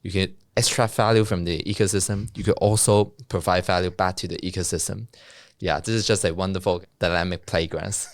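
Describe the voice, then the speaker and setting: In a studio-quality recording with no room sound, a young Hong Kong man, a native Cantonese speaker with a Hong Kong accent, talks about his work as an interview guest. He's a software developer and co-founder, speaking in a low, fairly even voice at a brisk pace. His manner is casual and self-deprecating, and he laughs often.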